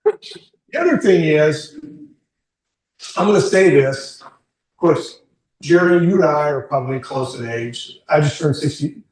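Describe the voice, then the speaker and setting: In an echoey meeting room, picked up by a distant mic, a man in his sixties runs an informal career workshop, speaking openly and putting questions to the group. His voice is a little high and darkish, animated yet unhurried, with long pauses.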